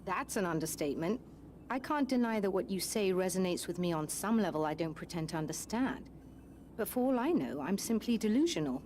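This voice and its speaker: Woman acting stilted puzzled doctor, swooping pitch. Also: animated, fairly quick, a little mellow, reverberant, a little hiss or hum, close to an everyday voice. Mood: skeptical. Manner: stilted, hesitant delivery, bad acting. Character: puzzled, skeptical female doctor at an observatory. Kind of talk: scripted video game acting.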